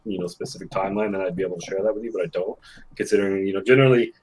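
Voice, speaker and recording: A man's voice: deep voice, fairly even intonation, racing, darkish tone, husky, low-quality recording. A man, a guest on a gaming podcast, talking at length in a rambling way with many fillers. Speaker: guest, influencer manager. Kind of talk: casual podcast chat.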